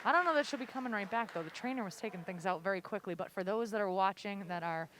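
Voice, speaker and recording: A woman with a New England accent adding relaxed, chatty remarks during a high school basketball broadcast. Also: fast, background noise. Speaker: sideline commentator. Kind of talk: casual sports commentary.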